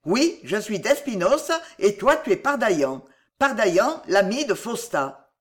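A cold, menacing grand inquisitor, as a reader puts him on, who speaks slowly and insistently, pressing each word. His pitch moves in a lively way. He sounds like the villain of an old adventure novel. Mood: harsh triumph. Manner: calm, slow and insistent, then harsh. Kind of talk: audiobook reading.

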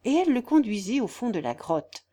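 A woman narrates a classic novel in a measured, literary manner. Her voice sits fairly high yet sounds mellow and warm. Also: very animated. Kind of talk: audiobook reading of a classic novel.

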